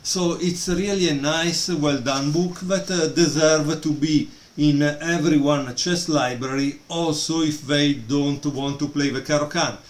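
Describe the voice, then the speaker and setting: Here a man with a slightly high, steady voice talks a little slowly and rarely pauses, though he hesitates and leans on fillers. He's reviewing a book casually on video from a room at home during a storm, with echo and faint background noise.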